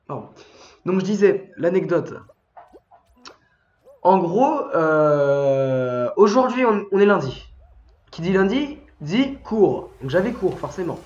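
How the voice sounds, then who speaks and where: A man's voice: high voice, lively intonation, takes it slowly, pauses often, a little mellow, reverberant, dull audio. Rambling stuffy-nosed young man streaming. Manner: rambling, repeats and restarts words. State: stuffy nose from a cold. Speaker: gaming streamer. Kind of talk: casual chat while streaming a game.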